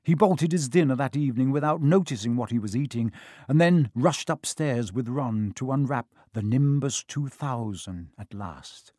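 A man reads a children's storybook aloud with a measured, expressive delivery at a mid pitch. The sound is close and dry, with no room around it. It has the steady pull of a classic audiobook narration. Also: no echo.

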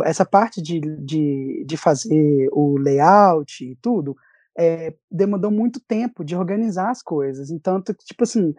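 A man's voice: a little high, dark tone, no room sound. A young man with a Brazilian accent, telling a story animatedly in a casual chat with lots of restarts, from home over a video call. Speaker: recent graduate guest. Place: at home at his desk.

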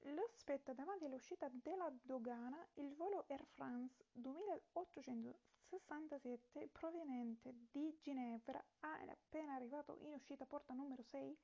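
A woman's voice: high-pitched, dark tone, dull audio. A woman reading a French lesson aloud and translating it, hesitant and correcting herself. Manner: slow, hesitant reading with fillers and self-corrections. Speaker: language learner.

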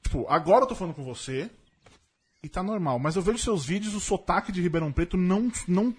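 A man interviewing a guest in a casual, jokey chat, animated and mimicking the people he quotes. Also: high voice, fast, slightly rough.

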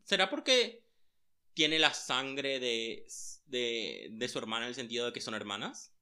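A man, chatting casually as he recaps a series, sassy and animated. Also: mid-range voice, clean tone. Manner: sassy, animated, quick retellings with exaggerated put-on quotes.

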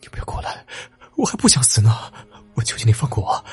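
A man voicing a timid young male peasant who begs through tears in a high, strained voice. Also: huge pitch swings, quick pace, soft background music. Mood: pleading, tearful. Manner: high, tearful begging.

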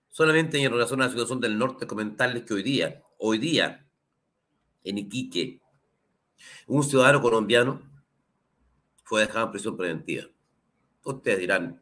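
Man, Chilean accent, hoarse, indignant commentary, forceful tone, rhetorical questions, middle pitch. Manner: indignant, rhetorical questions, addresses the audience directly. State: hoarse, sore throat. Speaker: lawyer hosting his own commentary program. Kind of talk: impassioned political commentary.

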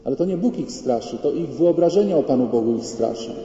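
Man, priest, sermon, colloquial, lively, dull muffled sound, heavy church echo. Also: fairly high pitch, brisk. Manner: colloquial, lively, acts out quoted voices. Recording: dull, echoey church hall from far off.

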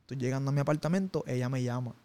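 A man's voice: mid-range voice, racing, dark tone. A man, an interview guest telling a personal testimony in an intense, emotional way full of street slang.

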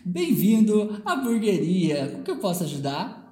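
A man's voice: high voice, big pitch swings, moderate pace, dark tone, soft background music, voice pushed up. A Brazilian man voicing a polite but confused female drive-thru attendant with stiff customer-service phrasing. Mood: stiffly polite. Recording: roomy echo.

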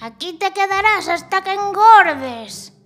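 A woman voicing a wicked, bossy old witch in a children's storybook tale, with a creaky voice. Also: very high voice, lively intonation, takes it slowly, a bit bright, in a large hall, soft background music, pitched above the performer's own voice, heavily acted. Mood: bossy, menacing. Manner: commanding, luring.

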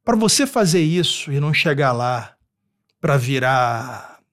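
A man's voice: mid-range voice, very animated, unhurried, fairly bright tone. A man with a Brazilian Portuguese accent speaking emphatically in a casual podcast conversation, often repeating phrases and checking he is understood. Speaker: podcast guest.

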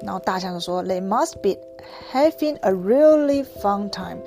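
A woman voicing an anxious, gentle male elephant from a picture book, drawing out her words slowly. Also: medium pitch, lively intonation, soft background music, natural voice. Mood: cheerful. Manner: slow, drawn-out storybook delivery.

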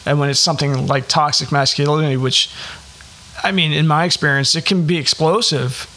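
A man's voice: a little high, fairly even intonation, brisk, pushed and bright. A man co-hosting a casual podcast, talking in a rambling, thoughtful way with a playful side. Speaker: podcast co-host.

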